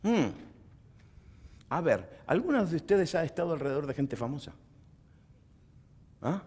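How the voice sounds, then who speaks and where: A pastor preaching a sermon to a congregation. He asks them questions and rises to loud proclamation as he reads scripture. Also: a little high, a little slow, breathy edge. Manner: lively preaching, rising to loud proclamation when reading scripture.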